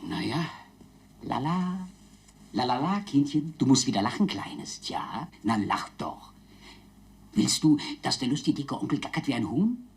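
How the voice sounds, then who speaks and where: An actor playing a jovial, easily baffled middle-aged sidekick in a dubbed classic crime film, with a husky voice. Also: male voice, a little high, big pitch swings, takes it slowly, pauses often, a little mellow, full character voice. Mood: jolly coaxing.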